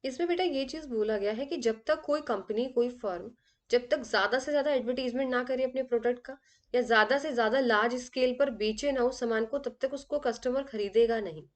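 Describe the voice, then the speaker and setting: Woman teacher. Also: on the high side. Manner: explains with everyday examples, calls students "beta"; reads English questions slowly, then explains in Hindi. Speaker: commerce exam teacher. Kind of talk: exam revision lesson.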